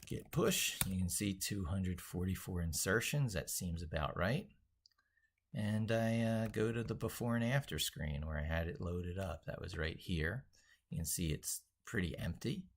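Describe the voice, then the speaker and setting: A man with a low, slightly breathy voice and lively intonation speaks at a measured pace during an unscripted tech tutorial on a live stream. He rambles through what he's doing, thinking out loud and strongly emphasizing his points.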